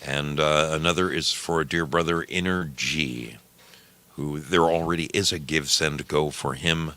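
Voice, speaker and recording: A radio host with an extremely low, pushed and bright voice chats casually and live with listeners, speaking a little slowly with fairly even intonation. His manner is folksy and theatrical. He addresses his audience as friends and dear brothers.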